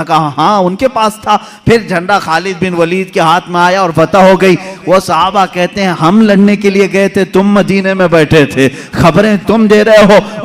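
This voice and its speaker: A middle-aged male preacher giving a sermon, swinging from loud poetic recitation to hushed storytelling. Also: on the high side. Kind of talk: Urdu-Hindi religious sermon.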